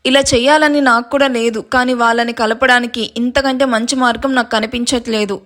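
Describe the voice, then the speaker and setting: A woman storyteller voicing a calm elder brother who reasons gently. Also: a little high, fairly quick, lightly acted.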